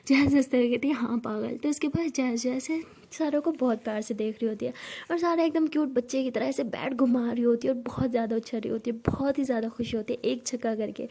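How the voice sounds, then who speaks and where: High-voiced woman narrating a love story. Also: warm tone. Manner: conversational retelling with voiced lines. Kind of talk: narrated story with acted dialogue.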